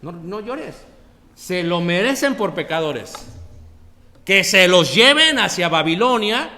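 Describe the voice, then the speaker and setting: A man's voice: sits high, very animated, slow, pushed and bright, in a large hall, voice pushed up, full character voice. A man voicing God as a stern figure scolding a weeping mother, speaking emphatically. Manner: emphatic, repetitive.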